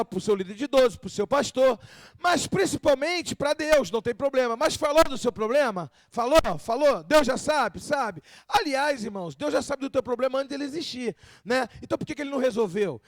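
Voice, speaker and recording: A man preaches in a high voice, the sound dry and close. He fires rhetorical questions at the congregation and slips into the voices of the people and prayers he quotes. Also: animated, fairly quick, dry recording. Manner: acts out quoted speakers and prayers. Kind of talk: sermon.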